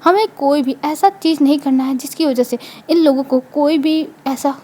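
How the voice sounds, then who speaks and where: A dutiful young company head who agrees earnestly, as a woman narrator puts him on. The voice is high and plainly read. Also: fairly even intonation, moderate pace, warm tone, close to an everyday voice.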